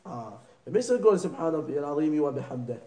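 A man teaches a lesson on prayer recitation, drilling pronunciation slowly and checking that his students understand. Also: fairly high pitch, big pitch swings, mellow. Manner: keeps checking understanding with short questions. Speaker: religious teacher. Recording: echoey room.

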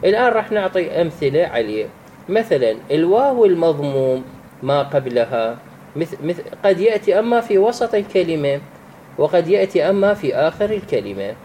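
A man teaching Quran recitation rules, patient, repeating words and examples with halting restarts. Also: on the high side, big pitch swings, dark tone, slight background noise, low-quality recording. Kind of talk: explaining tajweed rules.

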